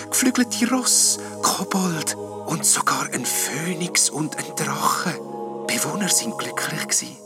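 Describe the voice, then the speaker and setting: A man voicing a small, sad and hopeful ghost, speaking softly in a whispery way in a storybook reading. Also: on the high side, pitched above the performer's own voice. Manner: soft and whispery.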